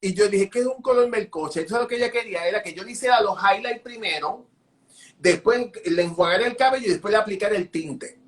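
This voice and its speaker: A man, a hairdresser, telling animated stories in an interview, acting out dialogue and repeating himself as he goes. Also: sits high, quick pace. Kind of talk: storytelling interview chat.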